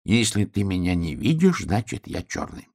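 A man voicing a naive, stubborn little piglet who talks in a quiet, wondering, plaintive way. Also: deep voice, big pitch swings, normal speed, creaky, exaggerated voice. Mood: puzzled.

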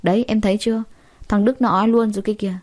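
A woman's voice: medium pitch, steady tone, very fast, darkish tone, natural voice. A woman voicing a scornful rich young man who mocks a plain girl, rude and sneering.

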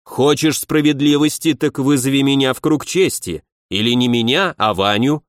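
A man's voice: medium pitch, normal speed, no room sound, studio quality, natural voice. Guy voicing a confident imposing noble, challenging, self-assured.

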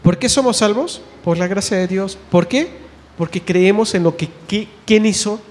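A slightly high-voiced man preaches in a casual, conversational way, often asking his listeners questions and answering them himself. He slows down and leans on the words when he reads scripture. His voice carries a long reverb from a church hall, with faint noise behind it. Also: a little mellow. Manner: reads scripture slowly and emphatically. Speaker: lay preacher. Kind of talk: informal sermon talk.

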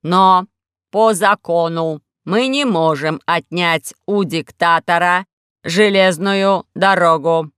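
A woman voicing a gloomy, grumbling robot shaped like an old safe, speaking slowly and loudly. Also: on the low side, smooth, no room sound, clean studio sound. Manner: grumbling, slow and loud.

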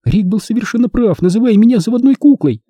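A man's voice: sits high, lively intonation, fast talker, dark tone, slightly rough, dry recording, pitched above the performer's own voice. A male reader voicing a fragile young woman with a childish voice, complaining and reproachful. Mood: plaintive. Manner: plaintive, reproachful.

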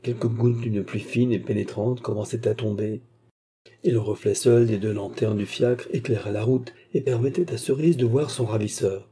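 A man narrating a classic novel in a steady, measured audiobook reading. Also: medium pitch, husky.

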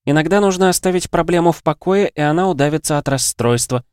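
A perky, teasing young woman with a lilting lift in her voice, as a man puts her on. She sounds lively and playful in a close, dry storybook reading with no room sound. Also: a little high, brisk, clean tone, dry recording, pitched above the performer's own voice, lightly acted. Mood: cheerful. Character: cheerful bold young woman cook.

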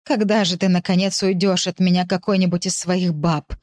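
A woman's voice: fairly low pitch, steady tone, moderate pace, a little mellow, no room sound, clean studio sound, close to an everyday voice. A woman voicing a worn-down wife who pleads bitterly with her husband in an audiobook. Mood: pleading.

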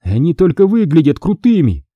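Man doing a nervous young boy, pleading, higher voice, husky. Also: big pitch swings, moderate pace, dry recording, lo-fi sound. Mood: anxious. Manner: urgent, pleading. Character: anxious boy hero, about twelve. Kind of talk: audiobook character reading.

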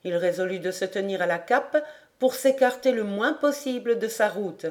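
A woman reading a classic adventure novel aloud, steady and expressive as she carries a storm scene. Her voice sits at an ordinary middle pitch, recorded close on a home microphone. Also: moderate pace. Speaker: audiobook narrator.

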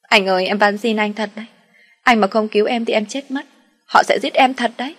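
A woman's voice: a little fast, fairly bright tone, close to an everyday voice. A woman playing a sobbing, desperate young woman. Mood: pleading. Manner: pleading, tearful and shrill.

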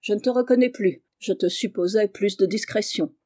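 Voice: mid-range voice, normal speed, dark tone, close to an everyday voice. A reader voicing a sarcastic, scornful young man in an audiobook reading. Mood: sneering. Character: sneering ambitious young male doctor.

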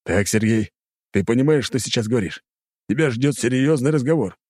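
A man's voice: mid-range voice, expressive, brisk, darkish tone, dry recording, studio quality, pitched above the performer's own voice, lightly acted. A man voicing a stern middle-aged count speaking to his son on the phone. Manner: stern, clipped, commanding.

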